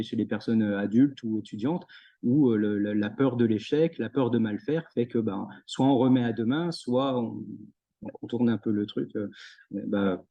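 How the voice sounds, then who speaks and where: A young man answering jury questions at his thesis defense, pausing often with fillers and restarts. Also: mid-range voice, warm tone, dull audio. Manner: hesitant, many fillers and restarts. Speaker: PhD candidate defending thesis. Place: university room in a Zoom recording.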